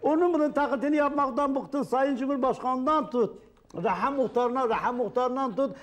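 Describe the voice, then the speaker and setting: A man's voice: extremely high pitch, a little fast. A man playing himself as a comedian in a sketch, whining and complaining, often laughing through his lines. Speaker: comedian guest.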